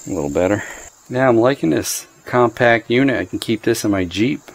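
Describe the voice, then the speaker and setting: This middle-aged product reviewer sounds animated and brisk, with a creaky, medium-pitched voice. Standing in a driveway, he casually tries out gear, thinking aloud and cracking dry jokes, and a body-worn action camera records it.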